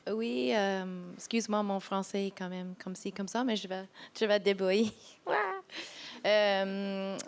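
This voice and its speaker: Clear-voiced woman with foreign-accented French. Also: medium pitch, fairly even intonation. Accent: foreign accent in French, English-influenced. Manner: halting, self-deprecating, searching for words in French. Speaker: panelist, local business owner. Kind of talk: informal panel testimony.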